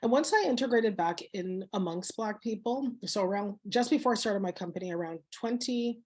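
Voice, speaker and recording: A woman's voice: mid-range voice, a little fast, a little mellow. A woman guest speaker from Canada, talking passionately and telling stories in an interview. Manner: passionate, storytelling, motivational. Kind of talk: interview conversation.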